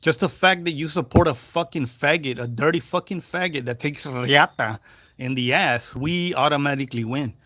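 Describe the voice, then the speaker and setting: A man's voice: a little high, moderate pace, fairly bright tone, no room sound. A man in his forties ranting on a livestream, heated and profane, slipping in Spanish phrases. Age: 40s. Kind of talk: angry livestream rant.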